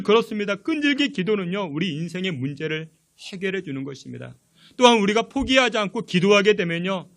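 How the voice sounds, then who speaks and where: A man, a pastor, preaching a sermon and telling stories with many questions to the congregation. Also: sits high. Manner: animated storytelling with rhetorical questions.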